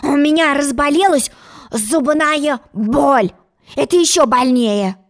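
Storybook boy twin, grumbling, boastful, slow, fairly high voice, read by a woman. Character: small stubborn boastful little boy twin.

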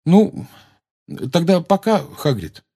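A man voicing a calm, soothing teenage boy. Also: a little high, takes it slowly, voice pushed up, full character voice. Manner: quiet, soothing. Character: calm teenage schoolboy, reassuring.

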